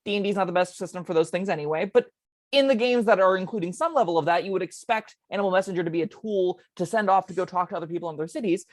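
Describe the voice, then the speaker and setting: A woman co-hosting a casual tabletop game podcast, talking in quick chatty bursts with plenty of ums. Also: on the low side, no echo. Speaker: co-host discussing tabletop spells.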